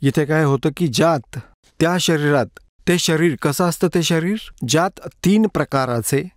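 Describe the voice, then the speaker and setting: A man delivers a sermon, working through scripture one verse at a time and slowly repeating the key words. His voice sits a little high for a man. The sound is close and dry. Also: dry recording. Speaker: preacher giving a dubbed sermon.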